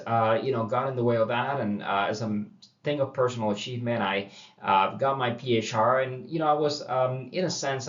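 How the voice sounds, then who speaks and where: A middle-aged man from Puerto Rico introducing a university course, talking casually with many fillers and restarts. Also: medium pitch. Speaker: university instructor. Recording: dull roomy audio from a distance.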